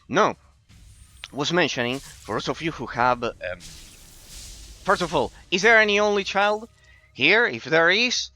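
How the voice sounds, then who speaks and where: A man's voice: medium pitch, bright, forceful tone. A man in his late twenties with an Argentine accent, chatting casually to viewers as he streams a game, rambling and repeating phrases for emphasis. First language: Spanish. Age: late 20s. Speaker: live streamer. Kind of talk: casual chat to viewers during gameplay.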